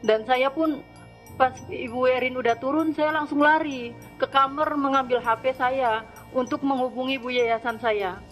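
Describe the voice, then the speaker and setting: A woman's voice: high voice, fairly even intonation, moderate pace, faint music behind. A woman working as a household helper, retelling in a plain, shaky way how she was treated, and acting out the harsh words spoken to her. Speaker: household worker giving testimony. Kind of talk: personal testimony in a played clip.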